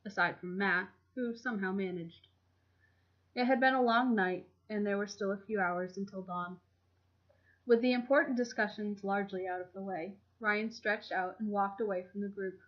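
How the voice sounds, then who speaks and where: A woman reading a fan fiction chapter aloud in a steady, even storytelling manner. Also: mid-range voice. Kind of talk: audiobook narration. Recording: dull lo-fi home recording.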